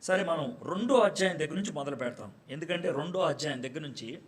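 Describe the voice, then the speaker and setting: A man's voice: a little high, lively intonation, fast talker. A male pastor preaching a sermon in a church hall, talking in a conversational, joking way and acting out bits of dialogue.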